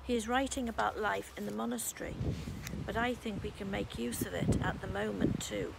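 A British woman in her sixties, a priest giving a calm, measured sermon in her garden, read from notes into a phone. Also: medium pitch, vocal fry, heavy background noise. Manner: calm, measured, reflective delivery. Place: garden outdoors. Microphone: phone camera held close.

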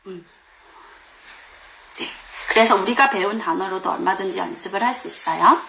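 A woman teaching pronunciation in a live online lesson, speaking directly to her viewers. She laughs often and sounds out each syllable loudly, with exaggerated tones. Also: mid-range voice, normal speed, vocal fry, slight background noise. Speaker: Chinese teacher.

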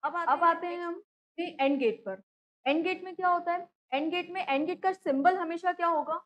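A woman's voice: very high-pitched, moderate pace, fairly bright tone, low-quality recording. A woman, teaching a class and explaining step by step, often asking a question and then answering it herself. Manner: explanatory, asks and answers own questions, frequent "theek hai".

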